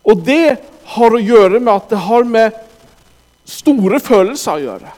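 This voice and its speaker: A man's voice: high voice, animated, darkish tone, in a large hall. A man preaching a sermon, speaking emphatically and addressing the congregation directly.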